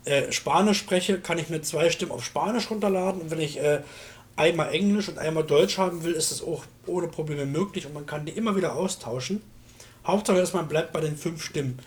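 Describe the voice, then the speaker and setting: A man chatting casually about technology and explaining it in a colloquial way, often checking in with short question tags. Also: on the high side. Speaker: discussion participant demonstrating software.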